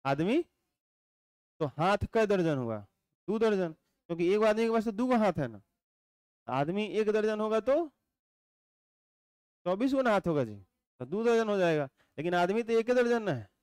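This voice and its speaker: High-voiced teacher, dry sound. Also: male voice, animated, darkish tone, clear, resonant tone, dry recording. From India. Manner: explains slowly and repeats, asks students questions. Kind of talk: classroom chemistry lecture.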